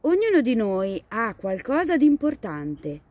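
A woman voicing a wise old owl in a storybook reading, slow, low and soothing. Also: big pitch swings, darkish tone. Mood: calm.

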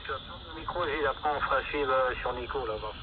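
A man's voice comes through a small walkie-talkie, muffled and lo-fi, under a steady hiss of radio static. He runs an easygoing CB contact, reading out call signs letter by letter and pausing on fillers. His voice sits at an ordinary middle pitch. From France. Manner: unhurried, full of fillers and call-sign spelling. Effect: heard through a handheld walkie-talkie receiver. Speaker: CB radio operator. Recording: lo-fi radio reception with strong static.

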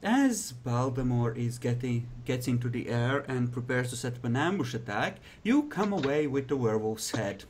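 A man's voice: medium pitch, lively intonation, moderate pace, hardly any pauses, noisy background. A man narrating a tabletop roleplaying game as game master, addressing players and describing scenes.

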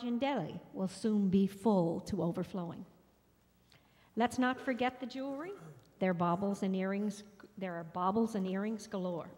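A woman's voice: mid-range voice, darkish tone. A middle-aged woman reading a prepared announcement at a church podium microphone, cheerful with rhythmic lists. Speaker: fair organizer. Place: large church sanctuary. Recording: long reverb in a church hall.

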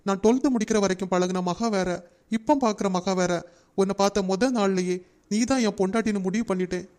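A man's voice: sits high, fairly even intonation, a little fast, a little mellow. A man voicing an earnest young man in love in a cartoon, speaking persuasively.

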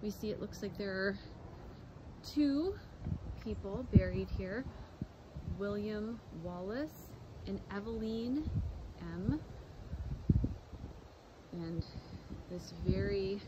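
A woman's voice: mid-range voice, animated, takes it slowly, long pauses. Chatty woman on a windy walk. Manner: chatty, addresses viewers as "guys". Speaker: vlogger giving a walking tour. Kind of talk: casual walking-tour narration. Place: outdoors in a cemetery on a windy day. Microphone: phone camera held while walking. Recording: loud wind and outdoor noise.

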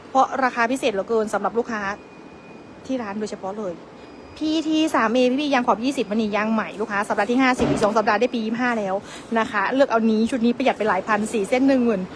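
Saleswoman, high-pitched and fast, chatty live-sale pitch, faint shop noise behind. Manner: fast, chatty sales patter, keeps calling out prices. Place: tire shop.

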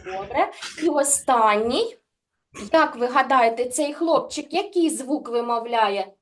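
A woman teaching young children in an online lesson over a video call, drawing out sounds slowly and praising pupils warmly by pet names. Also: on the high side, expressive. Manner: slow, exaggerated articulation of sounds. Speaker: speech development teacher.

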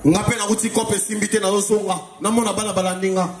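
A Congolese man doing live stand-up, telling animated stories and shouting out the punchlines. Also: high voice, fast, slight background noise. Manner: animated, often shouting punchlines, mixing two languages. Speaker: stand-up comedian. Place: live stage in a hall. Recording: echoey live hall with music.

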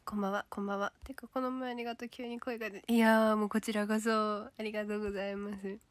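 A woman with a Kansai accent chatting casually on a livestream, reading out viewer comments and now and then dropping to a soft whisper. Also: medium pitch, level tone, quick pace. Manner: chatty, reads comments aloud, drops to a soft whisper at times.

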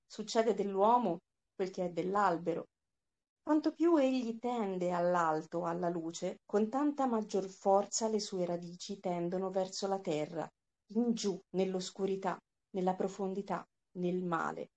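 A woman voicing a wise, solemn male prophet, reading his lines in a measured, calm way. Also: mid-range voice, close to an everyday voice.

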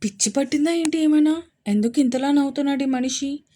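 A sharp-tongued young mother in an audio story who scolds briskly and quickly, as a woman acts her out. Her lines come clipped and teasing. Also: high voice, voice pushed up, close to an everyday voice. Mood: suspicious.

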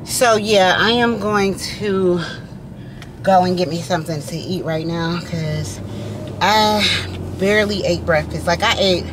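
Woman chatting while driving, loud road noise. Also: on the low side, measured pace. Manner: chatty, rambling, relaxed complaining to viewers. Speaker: delivery driver vlogger. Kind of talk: casual chat while driving. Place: inside a car, driving. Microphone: dashboard camera mic. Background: car and road noise.

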